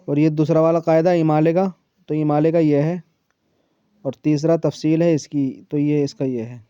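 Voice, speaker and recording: A man teaching a one-on-one Quran reading lesson, patiently explaining rules and repeating syllables slowly so they can be copied. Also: on the high side, steady tone, warm tone, clear, resonant tone, dry recording. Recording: dull lo-fi, dry sound.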